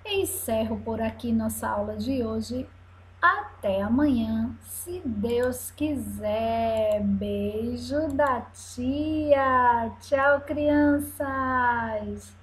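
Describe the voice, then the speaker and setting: A woman teacher giving a reading lesson to young children, sounding out syllables slowly and clearly. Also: a little high, a little hiss or hum. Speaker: first-grade teacher.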